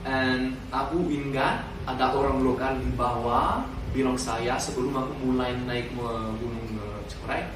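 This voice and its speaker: A man in his twenties from France with a French accent, speaking halting Indonesian as a foreign learner and casually telling personal stories. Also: medium pitch, fairly even intonation. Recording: distant mic, echoey room, noisy background.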